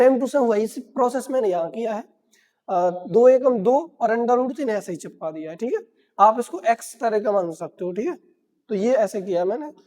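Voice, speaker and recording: A man teaching math to a class, his voice mellow and dark in tone. He keeps asking the room "what?" and answering himself, stressing each key word. The sound rings with a long reverb from the classroom around him. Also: high-pitched. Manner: repeats key words as questions to the class. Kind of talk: classroom lecture.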